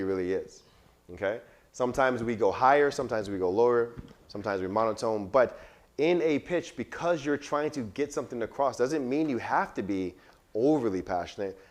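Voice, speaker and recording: A man leading a pitch workshop, coaching students and often checking in with "right?". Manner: frequent "right?" check-ins, encouraging. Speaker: workshop instructor. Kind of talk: coaching feedback in class.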